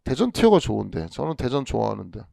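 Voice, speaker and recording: Gravelly-voiced man giving a casual lecture. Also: mid-range voice, very animated, quick pace, dark tone, no room sound, clean studio sound. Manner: chatty, rhetorical questions, frequent restarts. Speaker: police exam law instructor.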